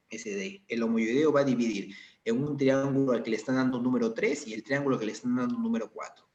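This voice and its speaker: A man's voice: mid-range voice, darkish tone. Man lecturing anatomy in an echoey room. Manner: explains step by step, checks in with students. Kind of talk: lecture over slides. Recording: echoey, dull lo-fi sound.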